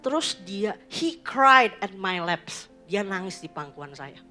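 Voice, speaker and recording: A woman's voice: mid-range voice, big pitch swings, slow pace, bright, forceful tone, soft background music. A woman, preaching a sermon in a church. She tells stories and addresses the congregation, mixing in English phrases. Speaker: pastor.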